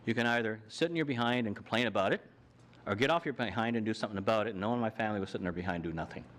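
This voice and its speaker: An older Canadian man gives a plainspoken, personal talk as a panel speaker in a hall with an audience, walking through his slides and often restarting sentences. His voice is fairly low and a bit bright, and he races along.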